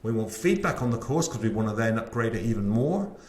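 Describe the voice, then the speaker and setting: A man's voice: lowish voice, animated, fairly quick, a little mellow, reverberant. A middle-aged man with a West Country accent presenting a live sales-training webinar, chatty and enthusiastic, often asking the audience questions. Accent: West Country English.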